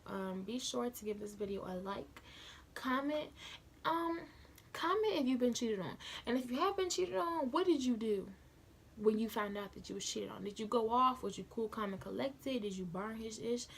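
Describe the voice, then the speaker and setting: Chatty young woman with a gravelly voice. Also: a little high, slight background noise. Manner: chatty, slangy, dramatic retelling. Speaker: vlogger. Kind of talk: casual storytime. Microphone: phone camera.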